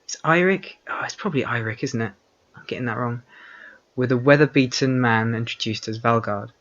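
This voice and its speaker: A man's voice: medium pitch, steady tone, fairly quick, fairly bright tone, lo-fi sound. A man hosting a game playthrough, reading the dialogue aloud with stumbles and self-corrections. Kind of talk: casual let's-play commentary with read-aloud dialogue.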